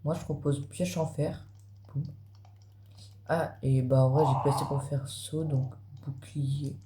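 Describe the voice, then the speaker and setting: A man's voice: a little high, fairly even intonation, slow, warm tone. A man giving casual gameplay commentary, chatting straight to his viewers as a gaming video creator. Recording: roomy echo, faint background noise.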